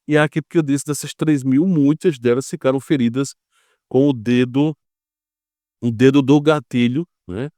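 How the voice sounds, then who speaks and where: The speaker, a Brazilian geopolitics commentator, has a mid-range voice with a dark tone and talks at normal speed. The studio sound is clean with no echo. He offers informal, explanatory commentary in Brazilian Portuguese, conversational and full of rhetorical questions and short check-in tags.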